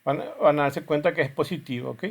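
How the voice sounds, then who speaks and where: A man's voice: a little high, brisk, vocal fry. A man teaching a class, explaining step by step while he shows videos and often checks in with the students. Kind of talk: classroom lecture with video demos.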